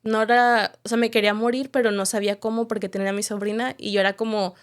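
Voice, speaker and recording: With a clean, mid-range voice and level tone, a woman speaks quickly as a podcast guest. Her testimony is candid and reflective, with many sentences ending in "right?".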